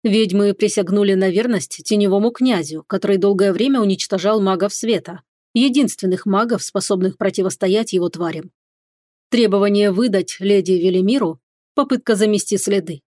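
A woman's voice: mid-range voice, moderate pace, darkish tone, dry recording, studio quality. Woman narrating an audiobook. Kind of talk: first-person audiobook narration.

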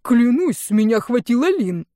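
A woman's voice: fairly high pitch, big pitch swings, normal speed, mellow, no echo, clean studio sound, pitched above the performer's own voice. A woman reading a storybook, voicing a cheeky young male cat familiar with a lazy, teasing drawl.

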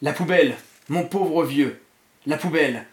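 A frightened man whose voice trembles as he coaxes and pleads, a little higher than a calm speaking voice, as a man reads his lines. The recording is echoey. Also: measured pace, close to an everyday voice. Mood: fearful coaxing. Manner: trembling, urgent, coaxing. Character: terrified man pleading with a dying friend.

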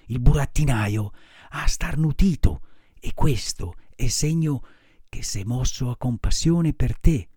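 A man voicing a kindly male puppet who whispers softly in a low, hushed voice. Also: animated, slow, slightly rough, no room sound, clean studio sound. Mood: hushed relief.

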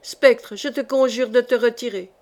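A woman voicing a guilt-broken medieval duke in an audiobook, groaning and pleading in a low murmur. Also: fairly even intonation, moderate pace, a little mellow, lightly acted. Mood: anguished. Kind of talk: audiobook reading.

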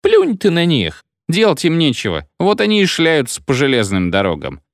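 A man doing a loud, rowdy drunk station chief. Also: fairly high pitch, wildly swooping pitch, no echo, clean studio sound, pitched above the performer's own voice. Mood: coaxing. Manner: bellowing, boisterous, quick to take offence. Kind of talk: audiobook character voice.

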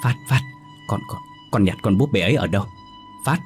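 A man's voice: lowish voice, expressive, a little fast, soft background music, close to an everyday voice. A man voicing a terrified old grandmother who stammers and shrieks in panic. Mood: trembling.

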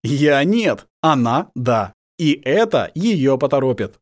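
A man's voice: mid-range voice, sing-song, slow pace, dry recording, studio quality. A male audiobook reader voicing a stunned, earnest young man pressing urgent questions. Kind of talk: audiobook character voice.

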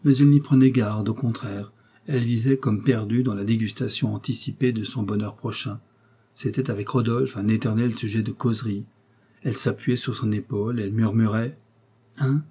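A man reading a classic novel aloud in measured, expressive narration. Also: on the low side, husky. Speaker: audiobook reader. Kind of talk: scripted literary narration.

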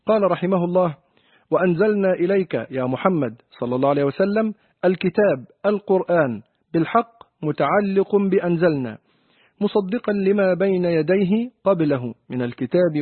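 A man reading a classical commentary aloud in a steady, formal way, glossing word by word. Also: sits high, no room sound. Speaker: reader of the commentary text. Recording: dry tinny phone-like recording.

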